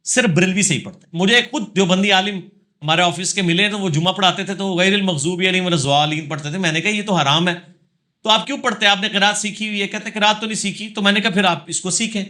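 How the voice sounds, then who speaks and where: A man's voice: high-pitched, pushed and bright. A man, a religious scholar answering audience questions in a live session, lecturing emphatically and checking in with tag questions.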